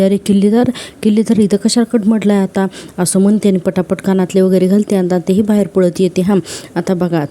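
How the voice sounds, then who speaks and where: Lady recapping a tv serial ep, super dark mellow voice, kinda flat, lots of filler words. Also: mid-range voice. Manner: retells scenes step by step with frequent filler words. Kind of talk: casual episode recap narration.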